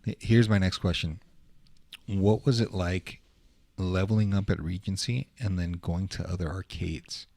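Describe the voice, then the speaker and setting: Laid-back deep-voiced podcast host, a man. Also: steady tone, unhurried, vocal fry, dark tone, no echo. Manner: laid-back, slangy, with lots of "like", "dude" and "bro". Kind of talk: casual interview chat. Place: podcast studio.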